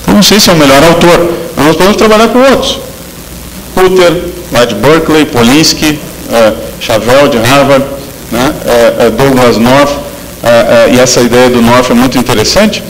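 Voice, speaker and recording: A man's voice: medium pitch, normal speed, in a large hall, slight background noise, rough recording. A man from southern Brazil giving an academic law lecture, speaking with frequent fillers and restarts. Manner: hesitant, many fillers and restarts.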